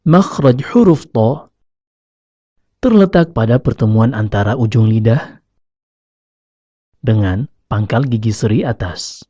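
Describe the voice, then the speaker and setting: A man giving slow, deliberate scripted narration as a recitation teacher, demonstrating each sound himself. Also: medium pitch, expressive, warm tone, husky, dry recording. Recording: dry, slightly dull lo-fi recording.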